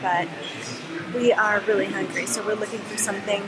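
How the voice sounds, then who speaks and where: A woman's voice: medium pitch, steady tone, brisk, a loud crowd, low-quality recording. Chatty, giggly young woman vlogging. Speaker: travel vlogger. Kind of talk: casual vlog narration to camera.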